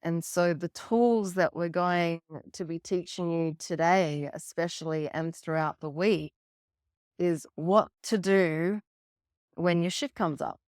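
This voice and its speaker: A woman coach giving an earnest teaching talk on emotional self-care, speaking slowly and deliberately and swearing now and then. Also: fairly low pitch, a little mellow, smooth, no room sound, studio quality. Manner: earnest, slow and deliberate, acts out quoted voices, swears casually. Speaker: relationship coach.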